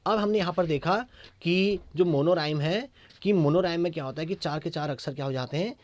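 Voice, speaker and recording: A man teaching an English lesson in Hindi, mixing in English, with an Indian accent. He repeats key points, checks with the class through short questions, and reads English verse lines slowly. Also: a little high.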